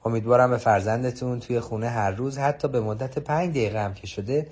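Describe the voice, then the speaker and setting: A man giving measured, formal scripted narration about child development. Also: medium pitch, a little mellow, breathy edge.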